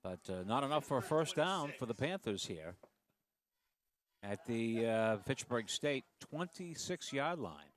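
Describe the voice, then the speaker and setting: A man's voice: mid-range voice, sing-song, measured pace. Folksy male football color commentator. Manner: loose, folksy analysis with frequent fillers.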